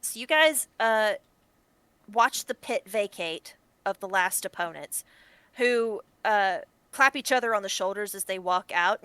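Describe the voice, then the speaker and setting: A woman's voice: mid-range voice, a bit bright, clear, resonant tone, dry recording. A woman running a tabletop game as game master, narrating casually and often breaking off to correct herself. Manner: chatty, self-interrupting, laughs at her own setup.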